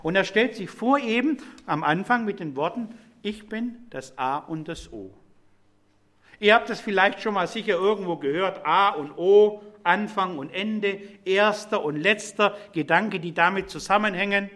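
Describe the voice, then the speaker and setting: A man's voice: high voice, normal speed, fairly bright tone. A middle-aged man preaching a sermon, explaining scripture in a conversational way and speaking directly to the congregation.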